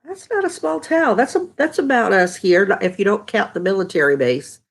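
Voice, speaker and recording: Her voice is medium-pitched, gravelly and animated, moving at a moderate pace, though a congested nose makes it sound stuffed-up and nasal. She's a middle-aged woman from Texas doing a casual live chat from home, reading comments and greeting viewers by name.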